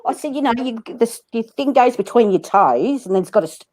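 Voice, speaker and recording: A woman's voice: on the high side, expressive, a little fast, a little mellow. An Australian woman telling funny stories in casual chat on a video call, laughing often and acting out the voices she quotes. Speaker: livestream host.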